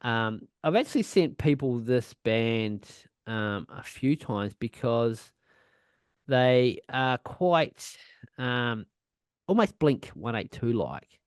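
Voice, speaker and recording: A man's voice: medium pitch, lively intonation, slow, clean tone, no room sound, clean studio sound. A man co-hosting a punk podcast in casual chat, rambling, swearing a lot and laughing often. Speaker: podcast co-host.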